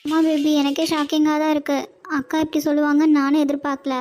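Woman doing young cartoon sister, worried, hushed, very high. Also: flat delivery, fast talker, soft background music, close to an everyday voice.

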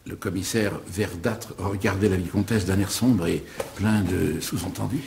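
A man's voice: low voice, moderate pace, vocal fry, darkish tone, a little hiss or hum. An actor playing a man who dictates a melodramatic story over the phone, in mock-dramatic narration. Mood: dictating.

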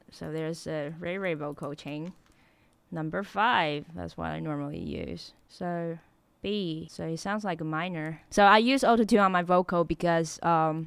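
Her low voice is gravelly yet a bit bright, and the sound is clean with no echo. The young music producer chats through her tutorial stream, poking fun at herself and laughing, from a neon-lit home studio with a boom-mounted mic near her mouth and faint music playing.

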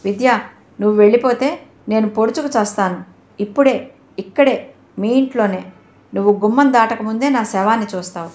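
A woman's voice: on the high side, normal speed, pauses often, darkish tone, close to an everyday voice. A woman voicing a young woman who pleads and begs insistently in a read-aloud story. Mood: desperate. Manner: begging and insistent. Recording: roomy echo.

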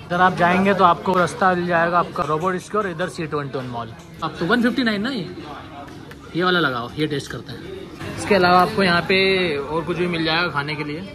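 A man's voice: sits high, fairly quick, a crowd in the background. Chatty young male food vlogger. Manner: chatty, lists menu items and prices to viewers. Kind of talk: casual food vlog. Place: busy indoor restaurant and street outside.

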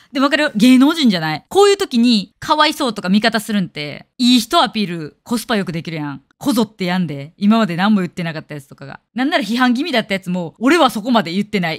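Kansai woman streamer, blunt and scornful, talks fast, voice jumps all over. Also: mid-range voice. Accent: Kansai Japanese. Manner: blunt, scornful, animated rants. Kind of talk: casual stream chat.

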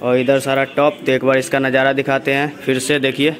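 A young man vlogging his way through a large warehouse, talking in a steady, salesman-like patter with the phone held at arm's length. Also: medium pitch, brisk. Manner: steady salesman-like patter, repeats "dekhiye" and "dosto". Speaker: vlogger showing a speaker cabinet factory. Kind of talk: casual vlog walkthrough. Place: large warehouse, partly outdoors.

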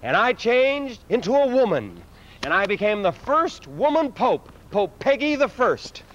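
A man performing an animated comic monologue outdoors in a city park, acting out voices and sound effects, on a dull lo-fi video recording. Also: high voice, unhurried. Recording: dull lo-fi outdoor video with faint street noise.

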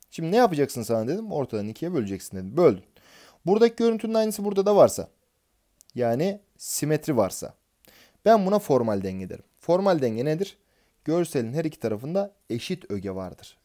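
A man's voice: on the high side, dark tone. A man teaching an exam prep lesson, explaining concepts step by step and answering his own questions as he goes.

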